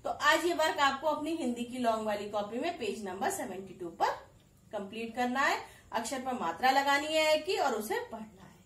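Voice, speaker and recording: A woman teaching a kindergarten Hindi class online, slowly sounding out syllables, repeating them for the children, and asking and answering her own questions. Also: high voice, lively intonation, a bit bright, recorded from a distance. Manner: addresses pupils as 'beta', asks and answers own questions. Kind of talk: recorded online class lesson. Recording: echoey room, voice a little off-mic.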